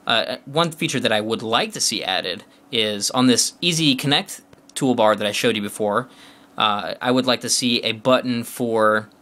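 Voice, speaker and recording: Man, bright tone, casual phone review, chatty, lots of fillers. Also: medium pitch, normal speed. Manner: chatty and loose, many uh fillers and restarts; talks along while tapping through a phone. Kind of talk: casual product demo.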